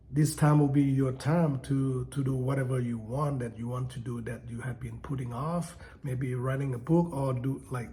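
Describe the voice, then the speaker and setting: A man in his fifties, from Thailand, talking casually and haltingly to camera from home about his coming retirement, with many fillers and restarts. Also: mid-range voice, darkish tone. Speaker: vlogger. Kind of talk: casual unscripted talk to camera.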